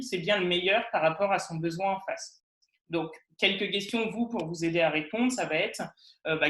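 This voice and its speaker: A woman's voice: lowish voice, fairly bright tone. A woman trainer leading an online sales webinar, explaining step by step with many fillers, her voice coming through a heavy echo on the video call. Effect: heavy echo on the call audio. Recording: echoey video call audio.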